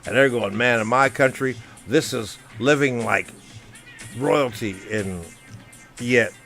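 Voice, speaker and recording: A man's voice: mid-range voice, slow pace, gravelly, fairly bright tone. Rambling American man over faint music. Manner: rambling, many "you know" fillers. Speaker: vlogger. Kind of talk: casual spoken commentary. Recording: faint background music under voice. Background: faint background music.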